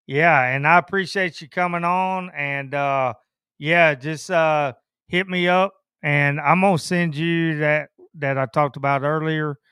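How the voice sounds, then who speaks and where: Southern man hosting a podcast, relaxed and rambling, smooth clear voice, dry close mic. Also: a little high, measured pace, dry recording. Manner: laid-back, rambling with many fillers. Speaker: podcast host. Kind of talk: casual chat.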